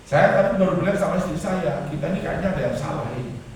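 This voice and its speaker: A middle-aged man preaches a sermon in a slightly raised voice. He punches some words loudly and lets others fall quiet. The recording is made from far away in a very echoey church hall, with a faint hiss underneath. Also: fairly high pitch, lively intonation, quick pace. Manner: emphatic, preaching with sudden loud and soft swings. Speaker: pastor.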